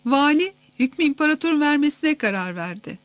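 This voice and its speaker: A reader putting on a commanding man who proclaims orders to a gathered crowd, his voice pitched up and pushed louder than the narration. He sounds stern and sure of his authority. The reading is steady, as in an audiobook. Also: fast talker, dry recording, lightly acted. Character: commanding male temple leader.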